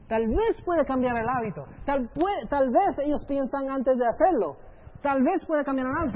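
A middle-aged male preacher giving a sermon, keeping the crowd engaged with constant "right?" questions and English phrases dropped into his speech. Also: very high voice. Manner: keeps asking the audience "right?", with rhetorical questions. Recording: dull lo-fi sound with faint hiss.

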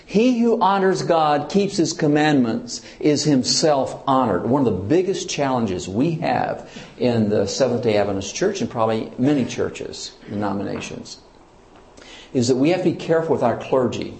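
Lively preaching man in an echoey hall. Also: medium pitch, moderate pace, slight background noise. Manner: asks the audience questions, lively and emphatic. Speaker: pastor and church leader. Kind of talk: sermon-style teaching talk.

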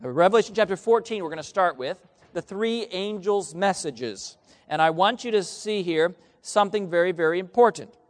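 A man preaches a sermon, reading scripture aloud and asking questions that the congregation answers back. His voice sits high and is expressive at a moderate pace, with the long reverb of a large hall around it.

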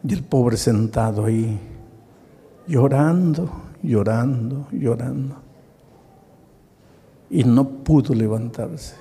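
A man preaching a sermon as a pastor, telling stories and swinging between loud, high exclamations and hushed, slow passages. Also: vocal fry, slightly rough, big-room sound.

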